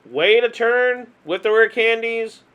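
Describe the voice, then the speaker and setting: Male card game host, high voice, casual exasperated play-by-play with self-deprecating laughs. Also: a little slow, clear, resonant tone, muffled recording. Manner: chatty, exasperated, self-mocking; hums and sighs, laughs at himself. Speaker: gaming video host.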